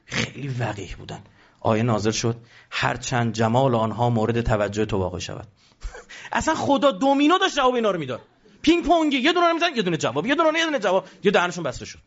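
A man giving an animated religious lecture, emphatic and rhetorical, now and then mimicking the voices of others. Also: high voice, dull audio.

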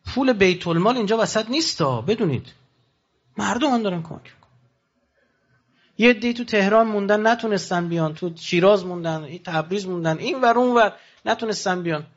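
An animated man gives an impassioned sermon to pilgrims in this lo-fi recording. Rhetorical questions drive his speech, and his pitch shifts suddenly between highs and lows.

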